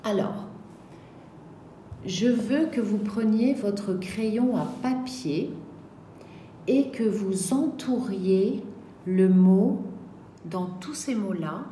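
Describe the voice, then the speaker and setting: Lady teacher going really slow over syllables, echoey room, bit of hiss. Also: medium pitch, expressive, mellow. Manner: slow, carefully articulated syllables. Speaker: primary school teacher. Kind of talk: remote reading lesson for young children. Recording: echoey room, faint background noise.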